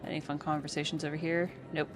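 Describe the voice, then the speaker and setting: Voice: medium pitch, flat delivery, fast talker, music in the background. A streamer chatting casually and sarcastically over gameplay.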